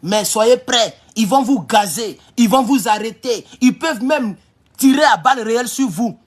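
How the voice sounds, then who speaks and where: A man's voice: extremely high pitch, animated, moderate pace. A man hosting a livestream, making an impassioned address to his viewers and repeating his rallying calls. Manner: fiery, repetitive, rallying. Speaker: livestream host.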